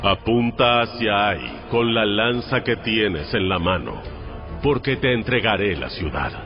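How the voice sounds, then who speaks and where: An actor playing God as a solemn, authoritative divine voice in a dramatized audio Bible. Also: male voice, fairly low pitch, animated, unhurried. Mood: solemn command. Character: God, solemn male divine voice giving a command. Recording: muffled band-limited audio. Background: prominent background music.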